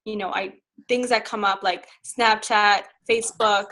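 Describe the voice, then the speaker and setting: Frank, animated woman sex coach. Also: mid-range voice, unhurried. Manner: frank and animated, laughs while telling stories. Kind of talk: candid conversational interview.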